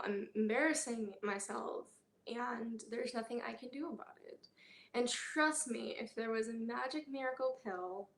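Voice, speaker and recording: Candid halting woman vlogger, echoey room. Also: a little high, vocal fry. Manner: candid, halting, many fillers and pauses. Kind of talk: personal health vlog.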